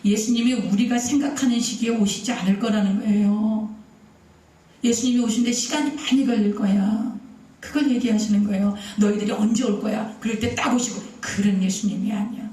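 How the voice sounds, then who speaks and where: A woman pastor delivers a sermon in a conversational, lively way, asking the congregation questions and acting out voices, sometimes raising to a shout. She is recorded from far off, and her voice rings through a large, strongly echoing church hall. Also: medium pitch, a little fast. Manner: acts out quoted speech, at times shouting. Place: church sanctuary.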